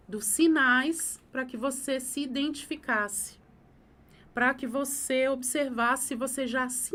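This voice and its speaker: A woman's voice: sits high, fairly bright tone. A woman, hosting a live talk on emotions, emphatic and repeating phrases for effect. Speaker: host giving advice on emotions.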